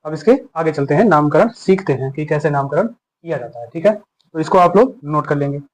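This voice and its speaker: A man's voice: a little high, animated, fairly quick, poor audio. A man teaching a chemistry lesson. He explains patiently, asking questions and answering them himself. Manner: patient, asks and answers his own questions.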